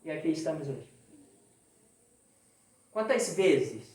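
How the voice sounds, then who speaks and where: A woman's voice: low-pitched, sing-song, slow, warm tone, distant mic. Brazilian woman preaching in an echoey hall. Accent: Brazilian Portuguese. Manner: rhetorical questions to the audience. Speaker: spiritist lecturer. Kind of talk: spiritist sermon. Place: spiritist center hall.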